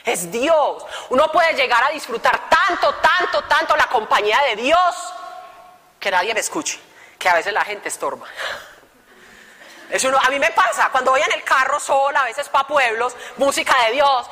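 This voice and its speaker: A young woman tells her testimony to a group of young people. She jokes and throws in colloquial asides, with a bright, fairly high voice. Long reverb surrounds her, as in a big hall. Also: moderate pace. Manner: animated, joking, colloquial, playful asides. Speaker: speaker giving testimony to youth. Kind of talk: lively testimony talk.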